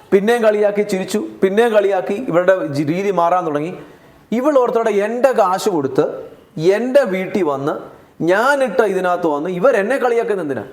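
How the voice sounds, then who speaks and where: A man preaching a sermon as pastor, emphatic and repetitive, mixing in English words. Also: high voice. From India. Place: church. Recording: echoey church hall.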